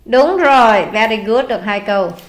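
Vietnamese-accented female English tutor, high and bright, echoey room, patient prompting. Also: expressive, moderate pace. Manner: prompting, checks answers, explains grammar patiently. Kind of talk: one-on-one tutoring, going through a test.

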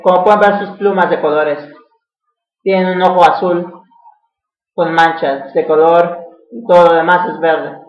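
A man leads a vocabulary drill at a very slow, deliberate pace, repeating each word over and over and pausing to ask if the class is following. His voice sits at a middle pitch and sounds distant, caught in a roomy, echoing space. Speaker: English teacher. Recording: echoey room, mic far off.

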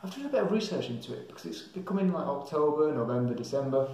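A young Englishman, a travel vlogger, rambles casually to camera in a small tiled room, hesitating and thinking aloud. His fairly high voice has lively intonation and a dark tone, and he talks fast. The hard walls make the recording very echoey.

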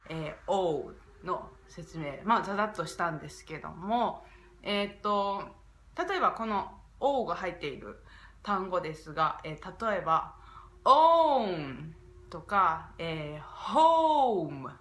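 A woman's voice: fairly low pitch, bright, forceful tone, a little hiss or hum. Woman teaching pronunciation in an echoey room. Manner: demonstrates vowel sounds with drawn-out, exaggerated syllables. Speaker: jazz vocalist teaching English pronunciation. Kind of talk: casual pronunciation vlog lesson.

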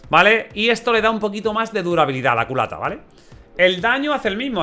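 High-voiced, chatty man. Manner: chatty, says 'vale' and 'ojo' often, excitable outbursts. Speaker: gameplay channel host. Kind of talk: casual gameplay commentary.

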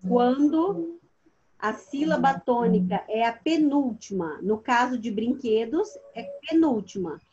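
A woman's voice: a little high, animated, unhurried, dark tone, highs cut off. A woman teaching a primary school class over a video call. She asks her pupils patient questions and calls on them by name. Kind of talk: online class instruction.

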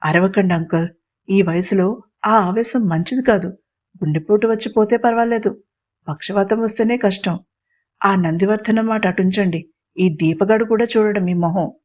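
A woman's voice: mid-range voice, moderate pace, darkish tone, close to an everyday voice. A woman voicing a confident, sarcastic young prince in a storybook reading. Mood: mocking. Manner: teasing and sarcastic.

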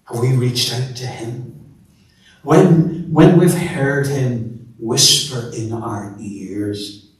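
A male minister preaching a sermon in earnest, repeating words as he builds emphasis, with touches of gentle storytelling humor. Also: medium pitch, drawn-out words. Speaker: minister leading worship. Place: large church sanctuary. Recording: echoey church from a distance.

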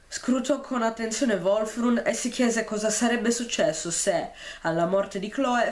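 A man reading a novel chapter aloud and then discussing it, with frequent "eh" fillers and throat-clearing. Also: sits high. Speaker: book reader and commentator.

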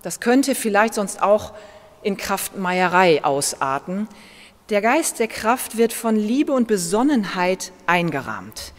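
A woman pastor with a German accent, preaching a sermon in a slow, measured way with gentle emphasis. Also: mid-range voice, very animated. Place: church. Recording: long church reverb.

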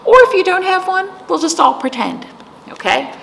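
With an extremely high, a bit bright and animated voice at normal speed, a middle-aged woman leads storytime as a children's librarian. She sits before a patterned wall in an indoor library room, reading aloud and asking young listeners simple questions, and the room sounds echoey with clear background noise.

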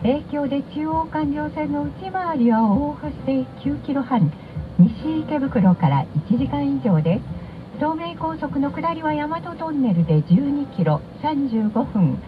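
A woman radio traffic announcer with a cute, high anime-girl voice and lively intonation. She comes through a thin, narrow-band broadcast with music clearly behind her. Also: measured pace. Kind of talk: live radio traffic report and farewell cross-talk.

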